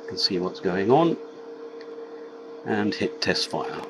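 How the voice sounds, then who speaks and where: Low-voiced man, machine noise behind. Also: big pitch swings, slow. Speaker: tutorial presenter. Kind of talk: step-by-step demonstration narration. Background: laser cutter machine noise.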